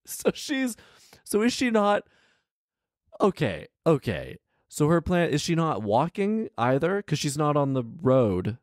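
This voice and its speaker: This podcast host, a man with a fairly high voice, swings hugely in pitch yet keeps a measured pace while he reads a fairy tale and riffs on it. His casual, comedic commentary is incredulous, wry and slangy, full of emphatic repeats. The studio recording is clean with no echo.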